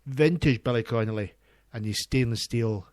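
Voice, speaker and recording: A man's voice: mid-range voice, darkish tone, no echo. Earnest male radio presenter, dry close sound. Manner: earnest, enthusiastic, halting. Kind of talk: community radio chat.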